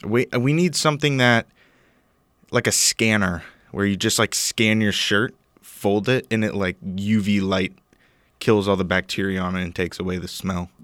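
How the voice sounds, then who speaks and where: A man's voice: lowish voice, moderate pace, a bit bright, no room sound. A young man hosting a casual podcast, joking and rambling, often trailing off into mumbles. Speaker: podcast host.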